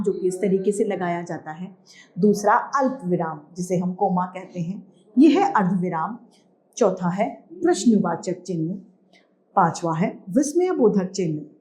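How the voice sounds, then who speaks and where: A woman teacher giving a grammar lesson to children. She explains step by step, asks questions and answers them herself, and reads the examples out slowly. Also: medium pitch, a little mellow.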